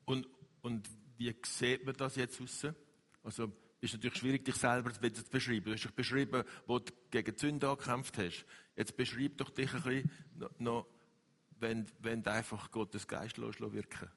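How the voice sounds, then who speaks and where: A man interviewing a guest about faith, rephrasing his questions in halting, probing restarts. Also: medium pitch, fairly even intonation, a bit bright, in a large hall.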